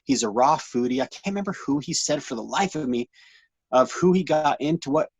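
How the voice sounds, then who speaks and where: A man in his forties telling his story as an interview guest, animated and slangy, rambling with lots of restarts. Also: medium pitch, brisk, husky, no room sound. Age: 40s.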